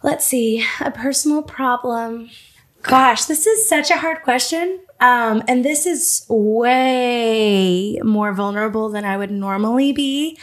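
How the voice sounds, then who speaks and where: A woman's voice: a little high, takes it slowly. A woman in her twenties hosting her own podcast, chatting casually and laughing often at herself. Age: 20s. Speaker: podcast host.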